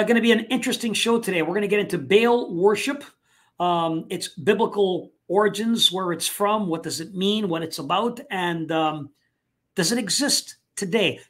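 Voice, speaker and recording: High-voiced male talk show host. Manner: casual, many fillers and pauses. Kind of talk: live online talk show.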